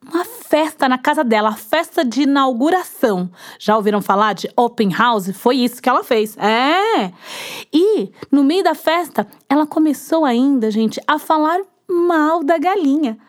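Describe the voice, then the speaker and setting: A woman telling a children's story, lively and speaking directly to her listeners. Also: high-pitched, normal speed.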